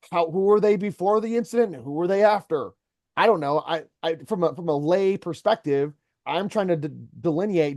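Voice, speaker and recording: A man's voice: high-pitched, a little mellow, no room sound, studio quality. Earnest man coaching an employee. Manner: earnest, storytelling, mentoring. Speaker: company owner coaching an employee. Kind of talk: one-on-one coaching talk.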